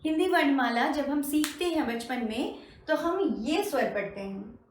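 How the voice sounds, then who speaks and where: A woman teaching a language lesson, carefully modelling each sound and repeating it in slow drills. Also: sits high, lively intonation, slight background noise. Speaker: Hindi teacher. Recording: roomy echo.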